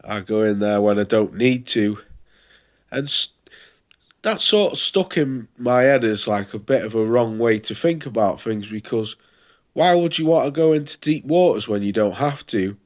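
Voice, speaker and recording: A man's voice: mid-range voice, lively intonation, moderate pace. A man with a congested, pinched-nose sound, hosting a casual boxing preview vlog in an informal, hesitant way, as if thinking aloud. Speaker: boxing channel host.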